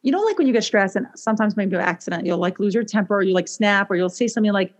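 A woman guest author talking casually in a podcast, animated and rambling with lots of restarts. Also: mid-range voice, very fast. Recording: slightly dull lo-fi sound.

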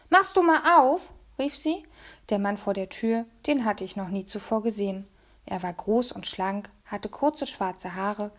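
A woman reading a first-person children's story aloud in a lively storytelling manner. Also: mid-range voice. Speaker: audiobook reader.

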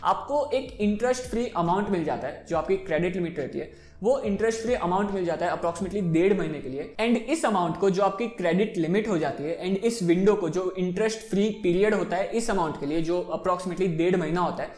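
A man's voice: high voice, brisk, darkish tone, reverberant, faint music behind. A man in his twenties explaining personal finance in a casual, chatty way, switching freely between Hindi and English. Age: 20s. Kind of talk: casual explainer talk to camera.

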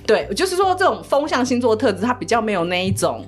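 A woman's voice: fairly high pitch, sing-song, fast, soft background music. A woman hosting a casual chat podcast who chats freely and gives examples from her friends. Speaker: podcast host.

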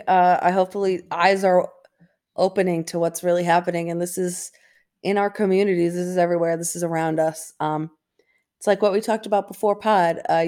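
Low-voiced woman who struggles with her R's. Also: a little mellow. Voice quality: trouble saying R sounds. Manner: informal, self-deprecating, mild swearing. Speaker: podcast co-host. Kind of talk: casual podcast chat.

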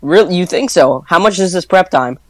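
High-pitched teen boy, giggly, always trying to start some drama. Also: animated, normal speed, dry recording. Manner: giggly, eager to stir things up. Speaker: podcast guest. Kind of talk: casual chat.

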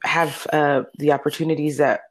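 Speaking at normal speed in a deep, level voice, a woman in her thirties tells casual stories as an interview guest. She's an opera soloist and a native speaker of Spanish.

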